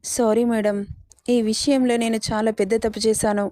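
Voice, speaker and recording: A woman voicing a guilt-ridden young married man in a narrated audio story, in her own fairly high, even voice. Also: normal speed, dry recording, studio quality, close to an everyday voice. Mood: apologetic.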